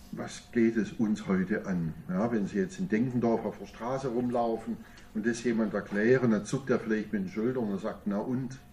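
A man delivering a sermon as pastor, in measured preaching with emphatic rising peaks. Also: mid-range voice, darkish tone, recorded from a distance, a little hiss or hum.

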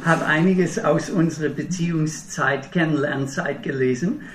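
A man's voice: a little high, moderate pace, fairly bright tone. A middle-aged man from Minnesota preaching a sermon in German with an American accent, telling stories earnestly with wry humor. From Minnesota, USA. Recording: roomy hall heard from a distance.

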